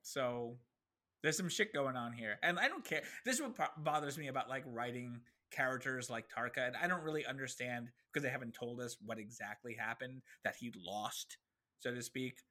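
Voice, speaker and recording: A man's voice: mid-range voice, normal speed, sharp tone. A man co-hosting a casual podcast, talking animatedly and swearing freely while he acts out characters' lines. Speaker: podcast co-host. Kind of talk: casual chat.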